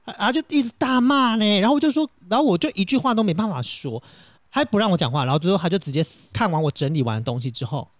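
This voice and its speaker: A young man with a Taiwanese Mandarin accent telling a story in casual chat, animated and self-dramatizing, laughing as he goes. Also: sits high, fast, no room sound.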